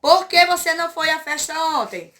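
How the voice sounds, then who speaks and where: A woman reading aloud the lines of a schoolboy asking a friend why she missed the party, in a slow exercise-reading manner. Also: very high-pitched, expressive, bright, forceful tone, heavily acted. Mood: plain. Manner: read aloud slowly from an exercise.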